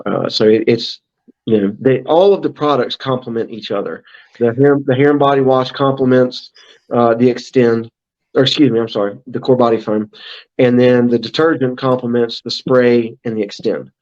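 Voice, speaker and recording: A middle-aged man, a brand manager appearing as a podcast guest, talks casually and at length, full of fillers and restarts. His voice is medium-pitched and darkish, with fairly even intonation and a normal pace. The recording sounds muffled.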